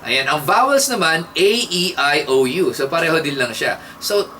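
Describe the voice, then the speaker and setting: A young adult man with a Filipino accent hosting a casual radio trivia segment, playful and animated, mixing English into his Tagalog. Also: fairly high pitch, normal speed. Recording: slightly distant mic, faint hiss.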